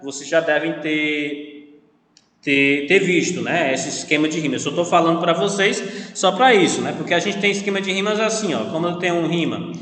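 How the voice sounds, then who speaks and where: A man's voice: fairly high pitch, normal speed, fairly bright tone. Brazilian male teacher in echoey room. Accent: Brazilian Portuguese. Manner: explains patiently, often checks with "né?". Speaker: literature teacher. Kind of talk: online class lecture. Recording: echoey room with long reverb.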